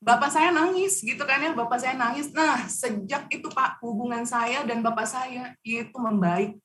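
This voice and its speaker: A woman's voice: fairly high pitch, normal speed, a bit bright, recorded from a distance. A woman who is a guest on a talk show, earnestly telling a personal story. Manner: earnest, laughs between phrases.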